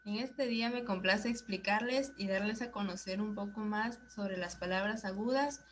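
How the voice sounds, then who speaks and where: Young woman, student, read-aloud class presentation, steady careful delivery, mid pitch, faint background noise. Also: moderate pace, poor audio. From Ecuador. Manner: steady, careful reading of definitions and examples.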